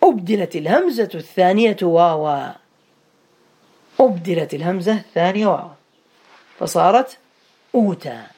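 A man's voice: high voice, animated, moderate pace, pauses often, darkish tone. A man teaching an Arabic grammar lesson online, quizzing students by name and repeating words for them.

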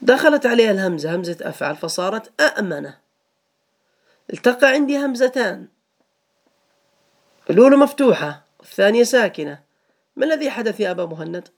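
A man's voice: sits high, sing-song, very fast. A man teaching a grammar lesson to students, patiently repeating each rule and asking them questions.

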